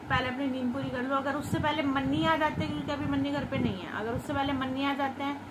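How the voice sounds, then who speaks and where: With a high voice and some background noise, a woman in her twenties talks to the camera while cooking indoors. It's a casual home vlog set in her small kitchen and living room.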